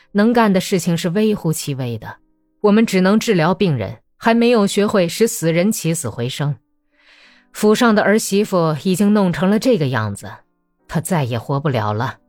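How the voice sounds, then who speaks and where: A worn-out country doctor who talks plainly and bluntly, resigned to what he cannot mend, as a woman narrator reads him. The voice is lowish and dry, with faint music behind in a storybook reading. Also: darkish tone, no room sound. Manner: tired, plain-spoken.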